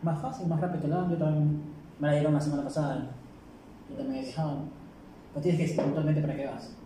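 Male podcast host with a mellow, slightly raised voice who prompts his guest with questions, far from the mic in a reverberant room. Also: on the high side, level tone, fast. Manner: asks easygoing, prompting questions. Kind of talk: casual chat. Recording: roomy echo, distant mic, noisy.

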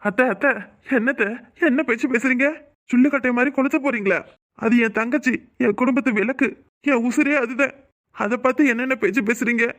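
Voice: medium pitch, brisk, fairly bright tone, close to an everyday voice. A performer voicing a grieving young village man in a cartoon, pleading and indignant. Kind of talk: cartoon voice acting.

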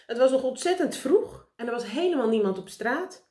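A woman reading a children's book aloud with lively, expressive narration. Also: high voice, a little fast. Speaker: storybook reader. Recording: roomy echo.

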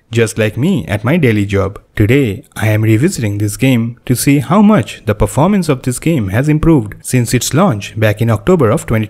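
Sarcastic Indian man narrating a game review. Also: mid-range voice. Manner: sarcastic, deadpan, self-mocking. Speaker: gaming channel host. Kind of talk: scripted voice-over game review.

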